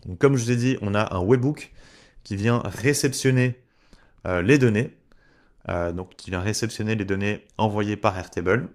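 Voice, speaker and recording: A man walking viewers through a software tutorial in a chatty, direct way. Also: lowish voice, moderate pace. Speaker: tutorial creator. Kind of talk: screen-share software tutorial.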